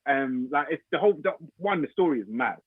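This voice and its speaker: A man's voice: on the high side, lively intonation, fairly quick, husky, dry recording. London man on a tinny, phone-like line. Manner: slangy, emphatic repetition. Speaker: podcast co-host. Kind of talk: casual chat. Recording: narrow phone-like band, dry.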